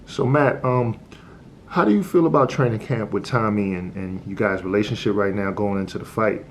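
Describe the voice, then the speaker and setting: A man's voice: on the low side, moderate pace. A man working as an interviewer, asking casual questions. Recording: faint background noise.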